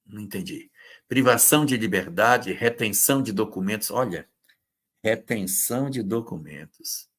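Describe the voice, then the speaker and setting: A man's voice: fairly low pitch, animated, normal speed, a bit bright. A man giving an informal spiritist lecture on relationships, talking conversationally and acting out quoted partners in short bursts. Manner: acts out quoted abusive partners in brief bursts; conversational, with hesitations and reading out viewers' comments. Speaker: spiritist lecturer hosting a live talk.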